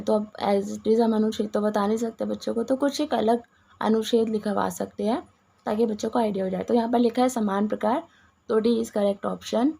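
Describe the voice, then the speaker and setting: A woman with a hoarse voice and a cough, explaining answers to exam questions with restarts and many English words. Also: on the high side. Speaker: teacher going through exam questions. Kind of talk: Hindi exam-prep lesson.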